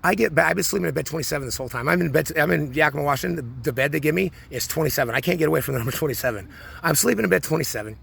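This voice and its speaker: A man's voice: on the high side, rapid-fire, vocal fry, a bit bright, husky. A man in his forties talking through a rambling personal monologue, full of restarts and repeated words. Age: 40s. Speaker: vlogger.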